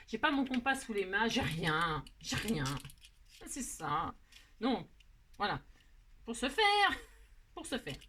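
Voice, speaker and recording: A woman's voice: mid-range voice, fairly bright tone, a little hiss or hum. A woman hosting a card-making tutorial, chatting casually and joking about her own mistakes while she works. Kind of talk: casual self-mocking craft tutorial.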